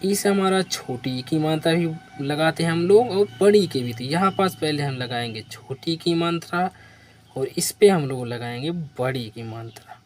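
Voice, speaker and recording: At a normal speed and with lively intonation, a man with a slightly high voice teaches a slow spelling lesson for beginners. He spells each word letter by letter, questions the learner and asks the viewer to repeat.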